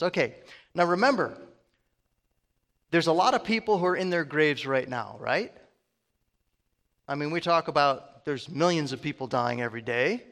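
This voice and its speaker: A man's voice: on the high side, a bit bright, in a large hall. A man preaching a conversational sermon, often asking his congregation questions.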